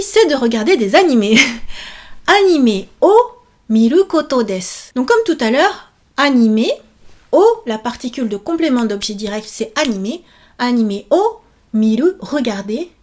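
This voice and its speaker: High-voiced woman teaching, patient and clear. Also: a little mellow. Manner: clear, patient, repeats phrases slowly, light laughs. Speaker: Japanese language teacher. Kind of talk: explaining grammar lesson.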